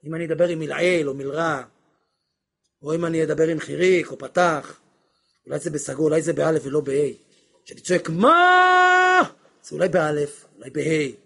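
A man teaching a religious lesson on prayer, impassioned, swinging from hushed asides to shouts and acting out little dialogues. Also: on the high side, steady tone, creaky, slightly rough.

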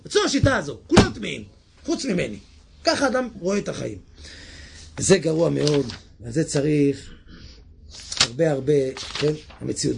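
A man preaching a Torah sermon with a gravelly, somewhat husky voice that sits a little high. His delivery is animated and full of swings, from hushed asides to sudden shouts. He keeps putting rhetorical questions to his listeners.

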